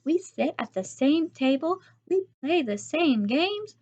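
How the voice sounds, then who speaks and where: A woman voicing a bossy, dramatic young schoolgirl who talks high, excitable and whiny, from a slightly dull audiobook recording. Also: normal speed, close to an everyday voice.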